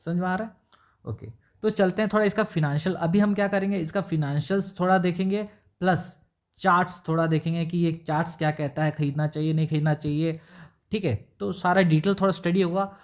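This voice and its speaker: A man giving a casual, unhurried stock analysis, mixing Hindi with English terms and often checking in with the listener while reading figures off a screen. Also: sits high, fairly even intonation. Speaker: stock market YouTuber.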